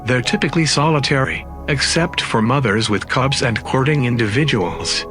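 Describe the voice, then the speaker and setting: A man's voice: mid-range voice, normal speed. A man reading scripted narration in the manner of a nature documentary. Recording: music under the voice. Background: background music.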